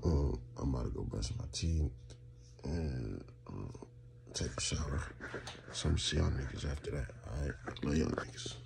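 With an extremely low, slightly mellow voice and noticeable vocal fry, an eighteen-year-old man from Texas rambles at normal speed in his college vlog. He's a student vlogger and streamer using a phone camera, propped or at arm's length, in a small bedroom and bathroom, talking to chat with slang and constant fillers. A little hiss or hum is audible.

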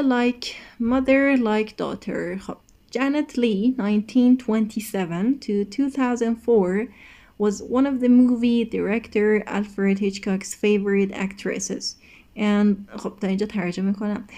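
A woman teaching an English lesson in a recorded video, explaining in Persian and reading English words and sentences aloud slowly. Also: mid-range voice, dark tone. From Iran.

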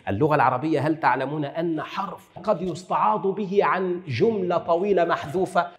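A man giving a lecture on grammar, explaining patiently and reciting verse slowly, with colloquial asides. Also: mid-range voice. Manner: explanatory, recites poetry slowly, mixes formal Arabic with Egyptian colloquial asides. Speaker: Arabic language lecturer. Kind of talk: classroom-style lecture on grammar. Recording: echoey hall with long reverb.

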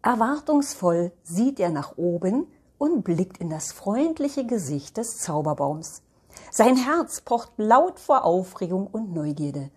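An older woman reading a children's picture book aloud as a storytelling grandmother, gentle and addressing the children. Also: medium pitch, very animated, slow pace, breathy edge.

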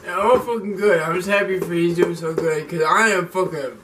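A man's voice: sits high, fairly even intonation, normal speed, noisy background. A giggly, drunk young man rambling and swearing in casual banter, recorded from across a small kitchen. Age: young adult. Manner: foul-mouthed, rambling. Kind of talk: casual banter while cooking. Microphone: camera a few meters away. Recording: roomy, distant camera audio with chatter.

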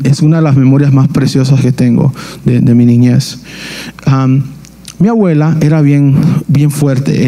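A man, preaching a sermon in a church, earnest and halting, often restarting his phrases. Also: on the high side, warm tone. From Dominican Republic. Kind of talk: sermon with personal testimony.

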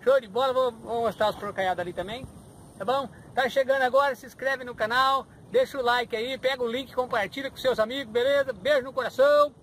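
A Brazilian man fishing outdoors, chatting excitedly and chanting calls to the fish. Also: very high-pitched, fairly quick, slight background noise. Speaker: fishing vlogger. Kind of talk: casual running commentary while fishing. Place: outdoors at a pond.

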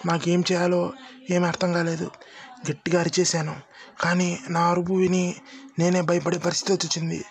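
Man, horror storyteller, first-person narration, steady and tense, flat monotone delivery, slightly high voice. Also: moderate pace.

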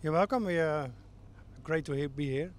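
Halting Dutch-accented man, slightly high voice. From Netherlands. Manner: halting non-native English. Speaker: tractor pulling team member being interviewed. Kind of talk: informal interview. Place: outdoors at a pulling event. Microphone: handheld interview microphone.

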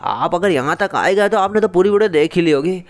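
High-voiced man giving chatty game commentary. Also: expressive, fairly quick. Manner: chatty, addresses viewers as friends, whiny comebacks. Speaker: gaming channel host. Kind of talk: gameplay commentary for viewers.

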